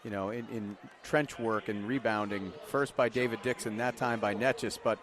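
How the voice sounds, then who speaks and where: In a live basketball broadcast with arena game noise, a man does color commentary from an indoor arena, explaining plays conversationally and colloquially. His voice sits on the low side and is a bit bright. He keeps a steady tone at a moderate pace.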